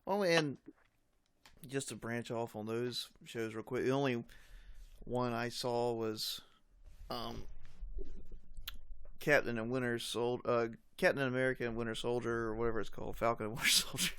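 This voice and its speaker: A man's voice: mid-range voice, fairly even intonation, normal speed, pauses often, fairly bright tone, smooth, no echo. A man chatting casually about films as a podcast co-host. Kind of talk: casual film fan chat.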